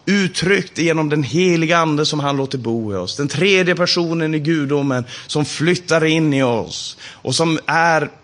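A man's voice: fairly high pitch, a bit bright. A man preaching a Bible sermon with a slightly raised voice. He talks with emphasis, stacking repeated phrases as he builds each point. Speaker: Bible teacher.

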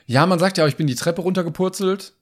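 A man's voice: sits high, fast. A man co-hosting a podcast, chatting casually with playful, jokey banter. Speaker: podcast co-host. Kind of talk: casual chat.

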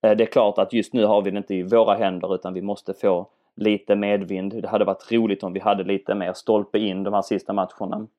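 Low, mellow-voiced man chatting. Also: flat delivery, hardly any pauses. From southern Sweden. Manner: chatty, rambling, many fillers. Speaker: podcast host. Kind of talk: casual football podcast chat.

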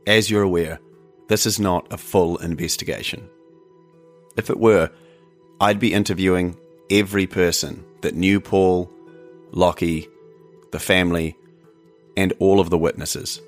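A man hosting an investigative podcast, reading scripted narration in a measured storytelling style. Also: low voice, fairly even intonation, soft background music. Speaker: podcast host and interviewer. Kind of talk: scripted narration and interview questions.

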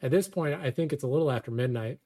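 A man's voice: medium pitch, quick pace, warm tone. A man in his thirties casually telling a personal story, wry and self-deprecating, laughing often. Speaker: storyteller guest.

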